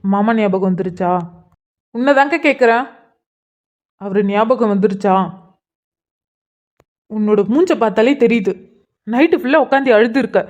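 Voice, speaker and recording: A woman's voice: on the high side, darkish tone, highs cut off, close to an everyday voice. A woman voicing an earnest young man who keeps pressing his elder sister with pleading, insistent questions in a cartoon. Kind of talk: cartoon voice acting.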